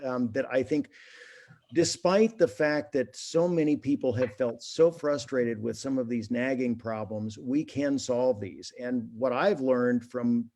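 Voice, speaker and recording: A man running for office answers a forum question over a video call. His voice is gravelly, and he talks earnestly, often restarting his sentences. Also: mid-range voice, unhurried, mellow. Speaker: mayoral candidate.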